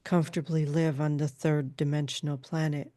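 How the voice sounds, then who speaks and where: A woman trance channeling a calm female spirit like a seance medium, speaking in formal, halting, measured pronouncements. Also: sits low, no room sound, studio quality, close to an everyday voice. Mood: solemn, measured.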